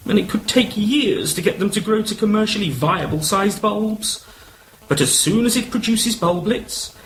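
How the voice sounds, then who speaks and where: A man plays an aging retired colonel in an amateur radio drama, sounding proud and courtly with old-world gallantry. His voice is high and swoops about, and there's a little noise on the recording.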